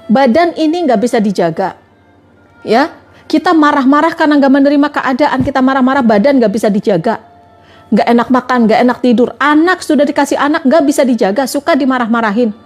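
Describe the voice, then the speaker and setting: A woman's voice: high-pitched, brisk, darkish tone, soft background music. A woman giving a religious talk on a live stream, asking her listeners question after question. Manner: repetitive rhetorical questioning.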